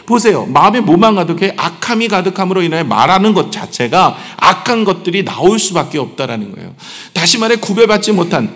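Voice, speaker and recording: 중년 남성 목사, 설교, 높은 목소리, 회중에게 질문하며 친근한 말투, 울림 큰 예배당. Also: male voice, high-pitched, fairly bright tone. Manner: conversational preaching, asks the congregation questions, self-deprecating humor. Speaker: senior pastor. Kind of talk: sermon. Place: church sanctuary. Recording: long church hall reverb.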